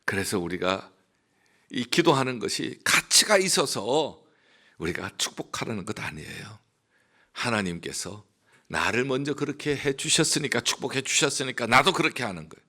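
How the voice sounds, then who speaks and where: A male pastor preaching a sermon, telling a story with lively rises and drops in his voice. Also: normal speed. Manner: animated storytelling with dramatic rises in pitch and volume.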